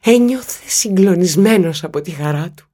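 A man narrating an audiobook in a measured, even storytelling manner. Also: high voice.

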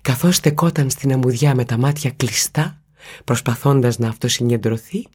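A man narrating an audiobook in a measured, even storytelling manner. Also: medium pitch, slightly rough.

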